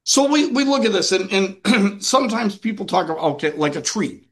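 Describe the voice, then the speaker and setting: A man delivers a sermon in a fairly high voice. He preaches with emphasis and animation, repeating words as he restarts his thoughts. He acts out quotes as he goes. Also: expressive, moderate pace.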